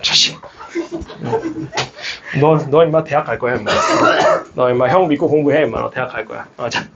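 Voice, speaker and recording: A man's voice: medium pitch, normal speed, creaky, dull audio, heavy background noise. A young man teaching a math academy class, coaxing and rallying his students through the lesson. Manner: lively, coaxing, rallies students with shouts. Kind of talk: classroom lecture. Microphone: speaker amplified mic.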